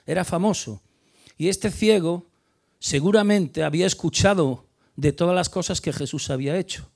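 Gravelly preacher. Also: male voice, fairly high pitch, normal speed. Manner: emphatic, builds to loud stressed peaks then drops quiet; repeats words and restarts mid-phrase. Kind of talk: sermon on a Bible passage.

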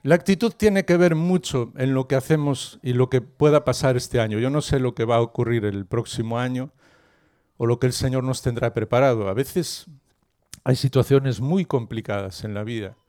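A middle-aged man delivers a sermon. He tells a story and often turns to ask the congregation questions. His voice sits at an ordinary pitch for a man. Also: normal speed. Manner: lively storyteller who asks the listeners questions. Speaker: preacher.

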